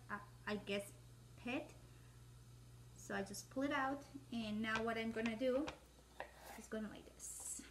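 A woman in her thirties with a high voice talks through a cooking demonstration. She rambles in a chatty way, with fillers and restarts. She is recorded in a home kitchen on a camera on the counter, with a faint hum of ambience behind her. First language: Spanish. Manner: chatty and rambling, with many fillers and self-corrections. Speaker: home cooking channel host. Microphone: phone or camera set up on the counter, framed from the waist up.

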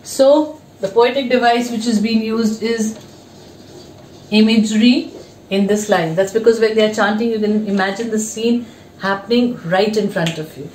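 A woman, teaching a whiteboard revision lesson in a classroom, explaining slowly and answering her own questions, filmed on a fixed camera mic as she moves about. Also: fairly high pitch, fairly even intonation, a little mellow. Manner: slow, explanatory, asks questions and answers them. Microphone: fixed camera mic, moves toward and away from it. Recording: echoey room, faint background hiss.

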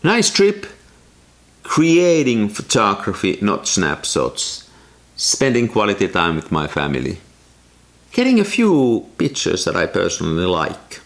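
Low-voiced man explaining his photography. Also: huge pitch swings, a little slow. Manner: thoughtful, explains camera technique step by step. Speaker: photography vlogger. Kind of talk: casual explanatory vlog narration.

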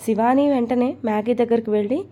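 A woman storyteller reading a romantic serial story in a steady, expressive scripted narration. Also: fairly high pitch, quick pace, narrow, tinny audio.

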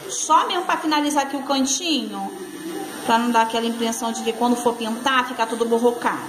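A woman from Brazil, a nail technician instructor, talks quickly in a voice on the high side while demonstrating nails at a salon table. The casual tutorial is shot on a phone camera, and she's chatty and reassuring, calling viewers girls and friends.

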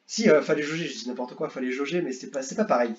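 A young man casually ranking video games, rambling and repeating himself, with excitable bursts. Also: fairly high pitch, fast talker, muffled recording, a little hiss or hum. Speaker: gaming youtuber. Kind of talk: casual tier-list commentary.

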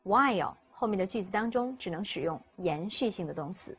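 A woman teacher, explaining English vocabulary step by step and repeating each word slowly for students. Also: mid-range voice, lively intonation, breathy edge. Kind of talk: recorded vocabulary lesson.

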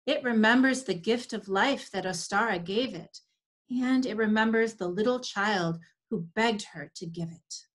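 A woman in her forties tells a scripted children's story at a measured pace in a mid-range voice. She is recorded over a video call on a computer mic from a room at home.

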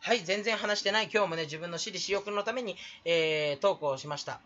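A man's voice: sits high, brisk, sharp tone, highs cut off, a little hiss or hum. A young man rambling through a solo vlog, joking about himself and putting on a fake Kansai dialect. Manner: jokey, self-mocking, rambling. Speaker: YouTuber.

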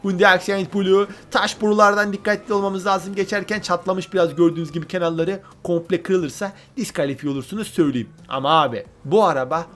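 A man giving excited gameplay commentary, often repeating words in bursts and talking straight to his viewers. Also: high voice, a little fast, hardly any pauses. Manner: excitable, repeats words when thrilled, addresses viewers as friends.

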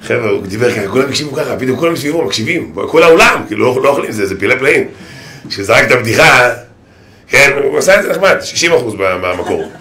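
A man's voice: mid-range voice, background noise. A man, a rabbi, giving a humorous sermon full of stories and impressions. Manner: lively storytelling with impressions.

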